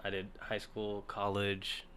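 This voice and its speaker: A man's voice: lowish voice, monotone, slow pace, a bit bright, slight background noise. A man in his twenties, originally from Ethiopia, telling his story as a guest in a casual podcast interview. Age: 20s. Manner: easygoing, storytelling, laughs along. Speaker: guest, startup founder.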